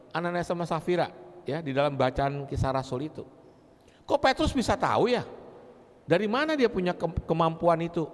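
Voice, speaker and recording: Man teaching in a reverberant hall. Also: fairly high pitch. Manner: lively, conversational, with many rhetorical questions. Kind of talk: teaching talk with personal stories. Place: large church hall.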